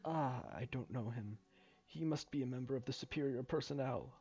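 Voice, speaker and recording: A hesitant male overseer of a mine, put on by a man reading game dialogue aloud, fumbling through his words with stalls and restarts. The voice is husky and middle-pitched. The recording sounds dull and lo-fi. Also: darkish tone. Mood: puzzled, polite. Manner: halting, full of uhs and fumbling restarts.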